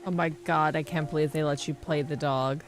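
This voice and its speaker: A woman streaming a game, chatting casually, playful and excitable, cooing at the characters on screen. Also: deep voice, normal speed, over music.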